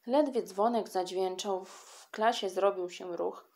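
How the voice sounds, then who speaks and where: Expressive female audiobook narrator. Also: medium pitch, unhurried. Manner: lively expressive storytelling. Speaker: audiobook reader.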